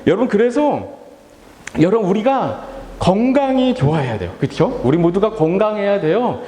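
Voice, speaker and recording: Warm and expressive, his voice sitting high, a pastor in his thirties gives a children's sermon at a moderate pace. The long reverb of the church hall carries his playful questions to the kids, his call-and-response, and his impressions of his family and of himself sighing tiredly.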